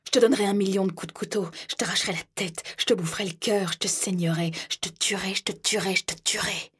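A woman's voice: mid-range voice, steady tone, fast, fairly bright tone, husky. A woman voicing a violent, raging adult husband who hurls threats and insults. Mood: furious.

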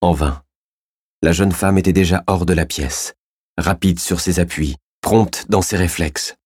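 A man reading a crime novel aloud as an audiobook narrator, in steady, measured scripted narration. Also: low-pitched, slightly rough, no room sound, studio quality.

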